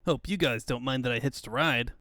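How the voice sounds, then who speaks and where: A man's voice: medium pitch, a little fast, bright, forceful tone, no room sound, natural voice. Cocky cartoon hedgehog acted by a man; breezy, teasing, youthful hero in a close dry recording. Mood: cheeky. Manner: breezy, cheeky. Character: cocky young male hedgehog hero, cool and cheeky.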